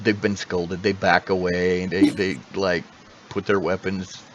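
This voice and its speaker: A man acting as game master, narrating a tabletop game in an animated, rambling way full of restarts. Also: low voice, a little slow, highs cut off, noisy background.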